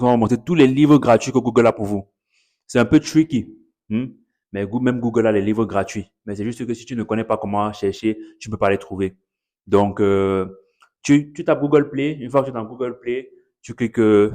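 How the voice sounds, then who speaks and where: A man's voice: mid-range voice, a little mellow. A man talking casually to his followers in a vlog, chatty and repetitive, sprinkling English words into his talk. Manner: chatty, repeats himself, mixes in English words. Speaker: content creator promoting his online academy. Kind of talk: casual direct-to-camera vlog.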